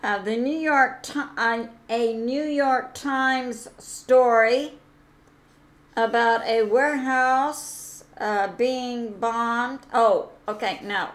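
A woman hosts her own commentary channel and talks through the news alone. Her delivery is slow and halting, full of fillers and mid-sentence corrections. Her voice sits somewhat high for a woman. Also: fairly even intonation. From United States. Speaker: channel host.

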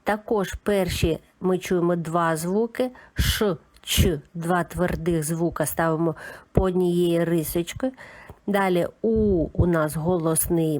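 A woman giving a calm, methodical lesson for young children, naming each sound of a word one by one. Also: fairly low pitch. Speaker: teacher. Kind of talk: slow, patient children's literacy lesson.

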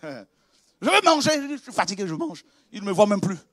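A very high-pitched male pastor preaching with passion. He drops to a quiet, chatty confiding tone, then bursts into shouts and repeats his words. The sound is dry and close, with no room echo. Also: very animated, brisk. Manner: impassioned, swings from quiet confiding to shouted exclamations; conversational, with laughs and repetitions. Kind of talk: preaching a sermon.

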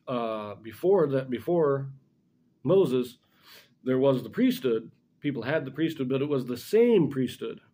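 This middle-aged man, speaking mellowly in a mid-range voice, teaches an informal scripture lesson in front of a blackboard in a small indoor room. His explanations are deliberate, and he keeps correcting himself as he talks.

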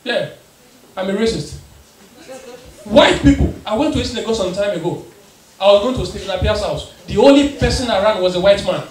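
A man's voice: high-pitched, brisk, long pauses. A young man with a Ghanaian English accent doing a stand-up comedy set, telling stories, playing the people in them and slipping into pidgin. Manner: storytelling, acts out the people in his stories, mixes in pidgin. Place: live venue with an audience. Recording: echoey room, picked up from a distance.

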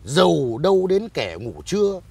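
An actor playing a stingy, bullying old village moneylender, bossy and mocking, in a comedy film. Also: male voice, on the high side, very animated, moderate pace, vocal fry, mellow, slightly rough, full character voice. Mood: scolding. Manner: bossy, barking orders, mocking. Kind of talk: Vietnamese comedy film acting.

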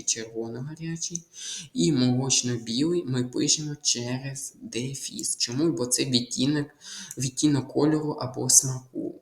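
A man's voice: mid-range voice, reverberant. A man tutoring exam material, walking through answers methodically and repeating the key points. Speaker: Ukrainian language tutor. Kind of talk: exam walkthrough lesson.

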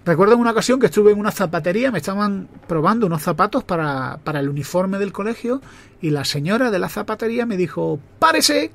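A man with a Spain Spanish accent and a noticeably high voice for a man, hosting a podcast. He reminisces in an easygoing monologue, circling back and correcting himself mid-sentence as memories come to him. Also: fast talker, gravelly. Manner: reminiscing, conversational, with self-corrections. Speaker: podcast host. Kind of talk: personal storytelling monologue.

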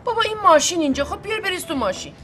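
An actress playing a gentle, conciliatory middle-aged wife who coaxes and soothes her husband in a sitcom. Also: extremely high pitch, sing-song, exaggerated voice. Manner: soothing, coaxing. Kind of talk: sitcom acting.

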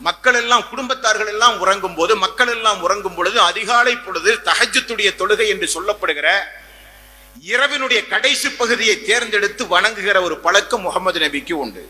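A man delivers an Islamic sermon, pressing his points with repeated phrases and rhetorical questions. His voice sits high and sounds sharp and piercing. It carries a long reverb, as if spoken in a large hall. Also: fairly quick. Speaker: preacher.

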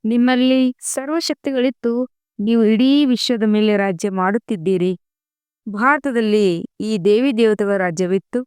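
A woman reading a devotional spiritual discourse aloud in a slow, measured recitation with emphatic pauses. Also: fairly high pitch, darkish tone, clear, resonant tone, dry recording, clean studio sound. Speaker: murli reader.

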